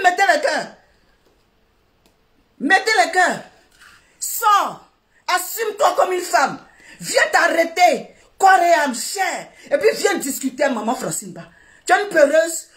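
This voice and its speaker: A woman, shouting and mocking through an insult-laden livestream rant. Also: high-pitched. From Ivory Coast. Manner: shouting, mocking, laughing taunts.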